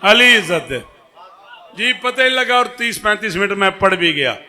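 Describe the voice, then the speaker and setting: Animated man addressing a majlis. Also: high-pitched, moderate pace. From Pakistan. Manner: animated, calls out to listeners by name, loud emphatic bursts. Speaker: majlis speaker. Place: large imambargah hall with audience.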